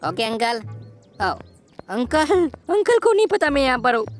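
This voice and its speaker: Casting: woman as a cocky cartoon boy, high lively voice, taunting, music bed behind. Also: a little slow. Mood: excited. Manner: boastful, teasing and taunting, shouting often. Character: excitable boy cartoon hero, brash and boastful. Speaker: gameplay commentator. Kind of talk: playful gameplay commentary in character.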